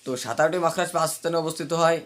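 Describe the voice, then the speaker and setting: A man with a somewhat high voice teaches letter sounds in a patient spoken lesson. He drills each sound aloud several times and keeps checking that his listeners follow. His words sometimes catch with a slight hesitancy. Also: fairly even intonation, quick pace. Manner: repeats letters aloud and checks understanding often. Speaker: teacher of Arabic letter pronunciation.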